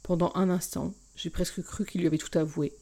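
Gravel-voiced woman hosting a book podcast. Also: lowish voice, steady tone, fairly quick. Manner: warm confiding, frank. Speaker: podcast host. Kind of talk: book review and read-aloud.

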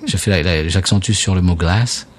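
A man's voice: sits low, moderate pace. A man hosting a casual podcast chat, telling stories with lots of restarts and fillers. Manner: chatty storyteller with many restarts. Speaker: podcast host. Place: United States.

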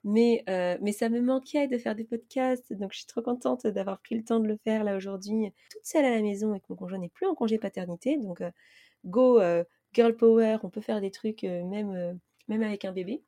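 A young woman hosting a casual solo podcast from home, chatting in a relaxed way with lots of fillers, speaking into a raised mic. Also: medium pitch, brisk. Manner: chatty, conversational, many fillers. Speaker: podcast host. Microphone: raised mic, holding a baby.

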